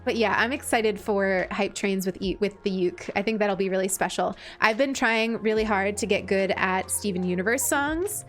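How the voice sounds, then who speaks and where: A woman's voice: mid-range voice, normal speed, hardly any pauses, faint music behind. A woman with a sweet, princess-like voice chatting casually on a game livestream, gushing affectionately as she thanks her viewers.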